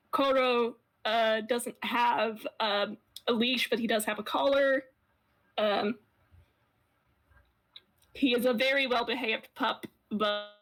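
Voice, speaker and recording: A woman's voice: a little high, a bit bright. Chatty woman player, full of fillers. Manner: rambling, many fillers. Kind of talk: casual tabletop chat.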